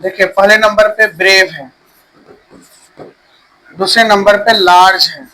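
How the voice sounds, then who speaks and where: A man teaching an English grammar lesson, dictating slowly and checking in with his students. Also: high voice, fairly even intonation, pushed and bright, a little hiss or hum, poor audio.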